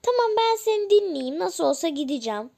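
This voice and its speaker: A woman's voice: extremely high pitch, sing-song, fairly quick, gravelly, warm tone, heavily acted. A woman voicing a stubborn mother who insists on leaving her family, talking in a dismissive, insistent way in a family role-play. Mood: defiant.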